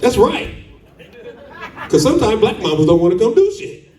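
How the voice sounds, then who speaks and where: A middle-aged man doing a loud, profane stand-up comedy set in a club with a live audience. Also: high voice, quick pace. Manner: loud, profane, animated storytelling. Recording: echoey club, distant mic, crowd laughter.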